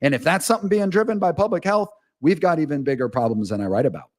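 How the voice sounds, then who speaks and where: A man's voice: on the high side, animated, fast talker. A man as a podcast guest, speaking candidly and at length in a rambling storytelling manner with frank asides. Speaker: guest, author. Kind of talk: casual podcast conversation.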